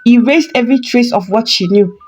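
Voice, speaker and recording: A woman's voice: a little high, brisk, natural voice. A woman voicing a cold, scheming male pastor, hissing in anger in a storybook narration. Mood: furious. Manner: cold and calculating.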